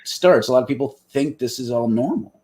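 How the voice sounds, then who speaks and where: A man's voice: medium pitch, a little fast. A man co-hosting a podcast in casual discussion, speaking bluntly and sometimes swearing. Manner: animated and blunt, with occasional swearing. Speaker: podcast co-host.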